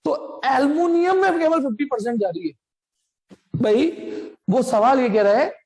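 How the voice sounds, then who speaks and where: A man's voice: extremely high pitch, a little mellow. A young man teaching physics, explaining a problem in a chatty, joking way, mixing in English phrases and imitating machine noises. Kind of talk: blackboard lesson explanation.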